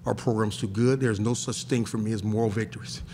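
A man's voice: fairly low pitch, steady tone, brisk, darkish tone, a little hiss or hum. A middle-aged man, a head basketball coach, talking candidly and emphatically at a postgame press conference, often restarting his sentences, into a table mic in a press room. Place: press room in front of a sponsor backdrop.

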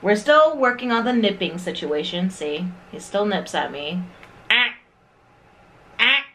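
A woman's voice: medium pitch, big pitch swings, normal speed, a little hiss or hum. A young woman chatting casually to camera, sometimes cooing at her dog in a sing-song voice. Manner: chatty, with baby-talk to the dog. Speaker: vlogger introducing her new puppy.

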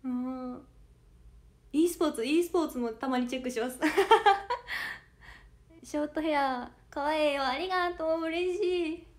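A 21-year-old woman with a Kansai Japanese accent, chatting casually on a livestream as an idol audition candidate, reading viewer comments aloud and giggling often. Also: high voice. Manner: bubbly and giggly, with frequent laughter.

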